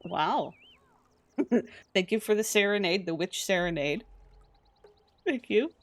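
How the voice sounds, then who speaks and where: Streaming a life-simulation game live, a woman chats casually with her viewers and with the on-screen characters, adding giggly asides. Her medium-pitched voice is animated but slow. There's no room sound, just faint music behind her.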